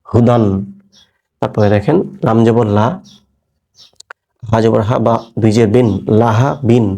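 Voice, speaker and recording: A man's voice: medium pitch, gravelly, dark tone. A man teaching Quran reading, patiently spelling out letters and vowel marks and often checking that the listener follows. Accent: Bangladeshi Bengali. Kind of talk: step-by-step recorded lesson.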